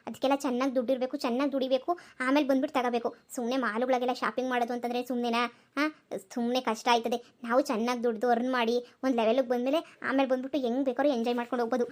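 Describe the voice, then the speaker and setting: A woman playing a homesick young village husband who talks in a quiet, grumbling way, in a comedy skit. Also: flat delivery, rapid-fire, lightly acted. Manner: low-key, grumbling, quiet.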